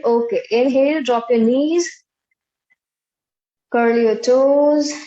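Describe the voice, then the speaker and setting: A young woman in her twenties with an Indian accent, leading a live online yoga class in measured short commands and slow counts, over roomy, dull video-call audio. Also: high-pitched, warm tone. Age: 20s. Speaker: yoga instructor. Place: indoor bare room, online video class.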